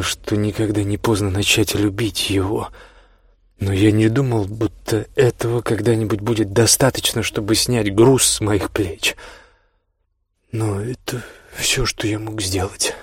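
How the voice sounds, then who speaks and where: A man reading a first-person novel aloud, sardonic and low-key. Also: breathy edge, dry recording, clean studio sound. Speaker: audiobook narrator. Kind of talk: first-person scripted narration.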